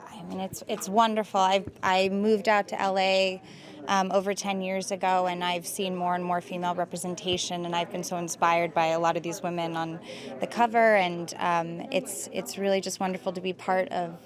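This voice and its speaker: Reflective woman with a lowish voice. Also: little pitch movement, normal speed. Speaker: interviewee. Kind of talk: red carpet interview. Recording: crowd chatter behind the voice. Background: event crowd.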